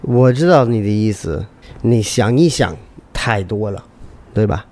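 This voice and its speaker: A man, a native English speaker, speaking non-native Mandarin with a foreign accent in a lazy, halting drawl during a casual chat. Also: lowish voice, animated, darkish tone.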